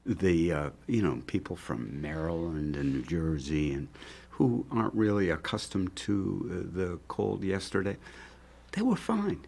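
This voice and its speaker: A man's voice: low-pitched, very animated, gravelly, darkish tone, slightly rough. An older man, a chef guest in a TV studio, talking at a desk mic with lots of fillers and restarts. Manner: halting, many fillers and restarts. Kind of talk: casual studio interview. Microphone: desk microphone on stand.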